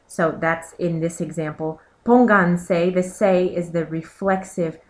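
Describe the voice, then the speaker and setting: A woman's voice: lowish voice, steady tone, a little slow. A woman teacher narrating a recorded slideshow lesson, explaining step by step and pointing to examples on the slides. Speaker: Spanish teacher.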